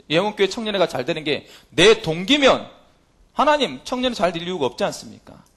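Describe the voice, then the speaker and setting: A man's voice: sits high, fairly bright tone. A male pastor preaching a sermon to a youth worship service, firing rhetorical questions and acting out God's voice. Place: church sanctuary.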